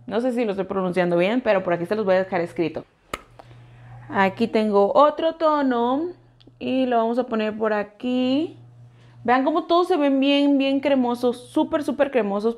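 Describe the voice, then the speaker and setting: A woman giving a casual product review as a vlogger, chatting and talking straight to her viewers. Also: medium pitch. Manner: chatty, keeps addressing viewers directly. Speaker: beauty vlogger.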